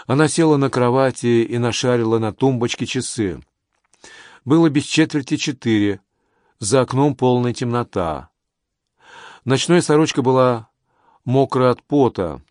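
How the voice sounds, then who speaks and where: A man narrating an audiobook in a steady, measured storytelling manner. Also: medium pitch, dry recording, clean studio sound.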